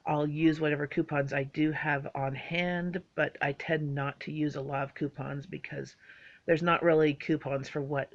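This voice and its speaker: A woman's voice: sits low, creaky, lo-fi sound. A woman, chatting casually through a list of facts about herself and rambling with fillers. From Bahamas. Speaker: vlogger.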